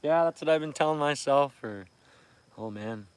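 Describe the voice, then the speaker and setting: This Canadian man in his thirties has a fairly high voice and a moderate pace, with slight background noise behind it. Low on sleep, the fishing livestreamer chats casually and quietly with viewers, laughing often, streaming on his phone by a lake near a campsite at dawn.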